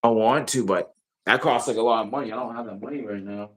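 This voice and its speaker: A man's voice: medium pitch, fast. A man live streaming in casual chat, rambling and swearing freely with lots of filler phrases.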